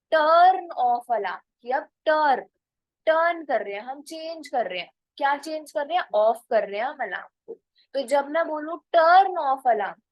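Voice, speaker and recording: High-voiced woman teaching English. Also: no room sound, low-quality recording. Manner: explains step by step, repeats phrases slowly. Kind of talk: spoken English lesson in Hindi.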